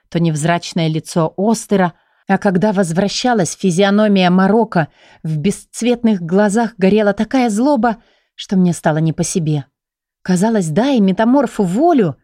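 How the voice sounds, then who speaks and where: A woman narrating a first-person fantasy audiobook in an even, measured reading voice. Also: medium pitch, no echo, studio quality.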